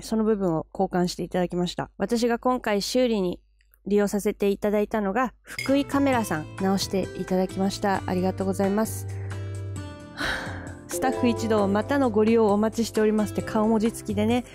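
A woman vlogging in a casual, chatty way, gushing and quick to laugh as she unboxes gear. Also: mid-range voice, darkish tone. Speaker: camera vlogger. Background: background music.

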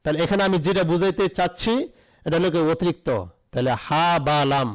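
A man's voice: on the high side, brisk, low-quality recording. A man teaching an online Arabic grammar lesson, spelling out root letters and asking questions that he answers himself.

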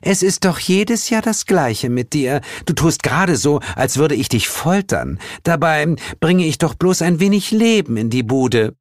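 A man's voice: on the high side, animated, a little slow, no echo, clean studio sound, pitched above the performer's own voice. A man doing a velvety sweet spring goddess. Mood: sweet cheerful. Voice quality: velvety soft. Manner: bubbly and motherly. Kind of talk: audiobook character voice.

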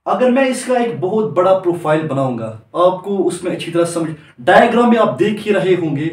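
Man, teacher, high voice, board-lecture style, repeats each step, roomy echo, a bit away from the mic. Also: animated, fairly quick. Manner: repetitive, walks through each step with "here" and "like this". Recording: echoey classroom, mic from a distance.

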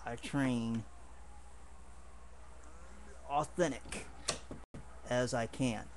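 Unhurried, earnest male hobbyist, rambling home-video demo talk, faint hiss behind. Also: medium pitch, steady tone, a little mellow. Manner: rambling, earnest, with many restarts. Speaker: martial arts hobbyist showing swords. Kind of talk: casual home video demonstration.

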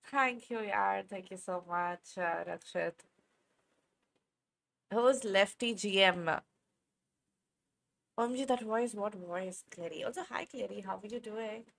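A woman's voice: medium pitch, slow, vocal fry, long pauses, fairly bright tone. A woman in her twenties with an Indian English accent, chatting casually with viewers on a live chess stream, reacting to chat and laughing often. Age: 20s.

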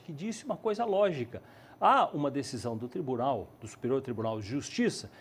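A man's voice: fairly high pitch, darkish tone, slightly rough. A middle-aged male news anchor from Curitiba, presenting and giving emphatic opinionated commentary in a TV studio on a lapel mic. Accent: Brazilian Portuguese, Curitiba.

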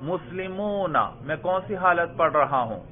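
Man teaching grammar over tinny audio. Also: mid-range voice. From Pakistan. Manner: questioning students and repeating their answers; drawn-out chanting of word forms. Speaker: religious school teacher. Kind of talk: classroom grammar lecture. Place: classroom. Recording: tinny phone-like lo-fi recording.

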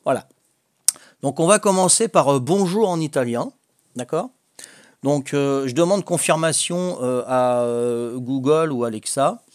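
A man's voice: mid-range voice, animated, unhurried, no room sound, studio quality. An older man with a Corsican French accent, chatting casually on a home video, full of fillers, restarts and little jokes. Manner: hesitant, many fillers and restarts, joking. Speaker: vlogger learning a language.

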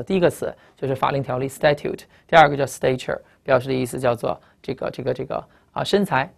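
A man's voice: fairly high pitch, gravelly. A man teaching English vocabulary in a lecture, explaining each word, repeating key terms and spelling letters out. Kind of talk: recorded classroom lecture.

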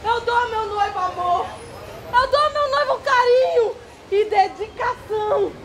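A man as a melodramatic lovesick bride, very high and slow, street crowd noise. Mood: wailing lament. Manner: wailing, melodramatic. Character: lovesick jilted bride, young woman, dramatic. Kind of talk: street theatre comedy. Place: city street, outdoors.

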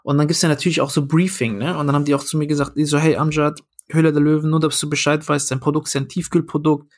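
A young man, a comedian who also founded a food company, tells a story casually in a podcast interview. His voice is fairly high and fast with a flat delivery, and he acts out quoted dialogue packed with fillers.

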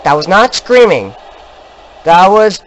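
A man's voice: high voice, sing-song, slow, dull audio. A man giving let's play commentary on a horror game. He yelps at scares and then jokingly insists he is not scared. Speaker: gamer.

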